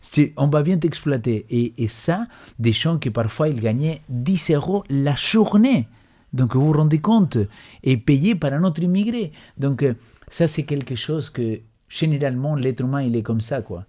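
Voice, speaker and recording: A man's voice: medium pitch, warm tone. A man on a Bible study panel who tells anecdotes with emphasis and often repeats words as he talks. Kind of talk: religious panel discussion.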